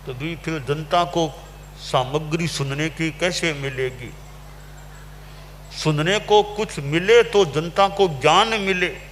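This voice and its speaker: A man delivers a sermon in a somewhat high voice, very slow and deliberate, teaching point by point and repeating key phrases. His words ring out with a long hall reverb over a faint hum. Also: fairly bright tone. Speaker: monk giving a discourse.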